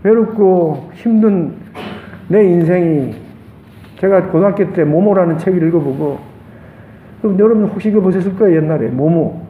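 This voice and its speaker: A pastor with a Gyeongsang accent preaches with passion, his very high voice climbing to loud peaks and dropping to hushes. He is recorded in an echoey room. The sound is thin and phone-like. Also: moderate pace, a little hiss or hum. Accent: Gyeongsang Korean. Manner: impassioned preaching, swings between loud highs and hushed lows. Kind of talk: sermon.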